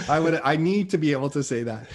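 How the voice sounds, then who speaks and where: A man's voice: on the high side, lively intonation, brisk. A man hosting a podcast in a chatty way, repeating key points as he talks. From Canada. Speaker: podcast host. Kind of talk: casual podcast talk.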